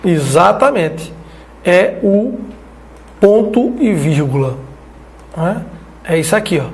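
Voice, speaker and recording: Brazilian guy doing an online greek lesson, slow, keeps saying né and ó. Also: high-pitched, expressive, darkish tone. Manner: slow explanatory, checking in with "né?" and "ó". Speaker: teacher.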